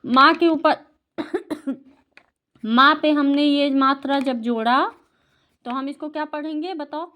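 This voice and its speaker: A woman with a high voice gives a patient home lesson to a young child. She asks question after question and repeats each answer so the child follows along. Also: takes it slowly, pauses often, bright, forceful tone. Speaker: tutor teaching a child. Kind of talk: home tutoring, Hindi lesson.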